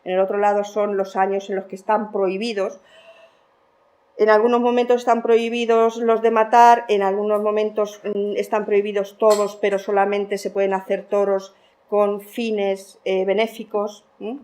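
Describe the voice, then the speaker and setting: A woman from Spain lecturing at a conference in a conversational way. Her voice sits at an ordinary middle pitch, and she drops in fillers and short laughs between her points. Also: moderate pace. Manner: lively, laughs between items, many fillers. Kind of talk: academic conference talk.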